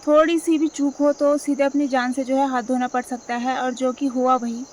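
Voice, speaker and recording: Young female vlogger with a high voice who rambles and repeats herself. Faint crickets in the background. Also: darkish tone, a little hiss or hum. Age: young adult. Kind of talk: casual talk to camera.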